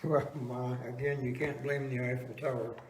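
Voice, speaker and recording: A man's voice: medium pitch, level tone, moderate pace, a little hiss or hum, lightly acted. A man playing a teasing, folksy older husband in an amateur comedy talk-show skit. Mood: wry, teasing. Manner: folksy, reasoning retorts. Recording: echoey room, distant mic.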